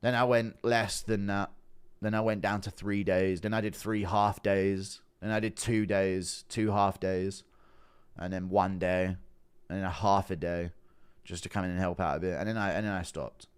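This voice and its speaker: A man's voice: low-pitched, fairly even intonation, moderate pace, smooth. A man hosting a casual livestream, chatting to viewers with sweary, blunt banter and often breaking into giggling laughter. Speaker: livestream host.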